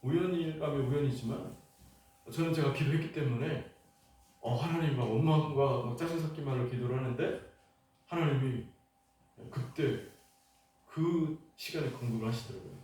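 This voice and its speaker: A man's voice: mid-range voice, moderate pace, pauses often, dark tone. A middle-aged male pastor telling a personal story in a sermon, questioning the congregation and growing fervent as he acts out his prayers. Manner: asks the congregation questions, rising in fervor when acting out prayers. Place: church sanctuary. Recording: very echoey church hall, from far off.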